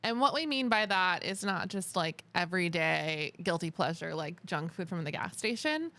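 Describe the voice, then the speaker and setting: A woman's voice: on the low side, lively intonation, moderate pace, bright, forceful tone, no room sound. A young adult woman co-hosting a podcast in casual chat, wry and steering the topics with questions. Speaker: podcast co-host.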